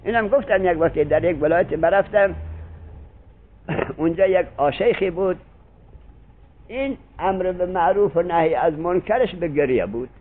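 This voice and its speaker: An older man teaching a seminary grammar lesson, telling stories and acting out quoted dialogue, slowing down for recited verses. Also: sits high, narrow, tinny audio. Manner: animated, acts out quoted dialogue, slow when reciting verses. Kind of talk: Arabic grammar lesson with storytelling.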